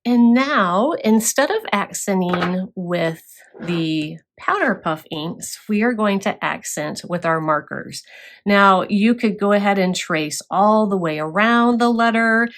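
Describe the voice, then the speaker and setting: A woman's voice: medium pitch, lively intonation, slow pace. A woman instructor demonstrating scrapbook crafting step by step, explaining as she works with occasional fillers.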